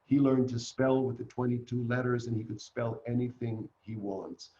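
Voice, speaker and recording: An older man from Canada, a guest in an online interview, telling a family story in an earnest, animated way. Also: medium pitch, moderate pace, reverberant, dull audio, slight background noise.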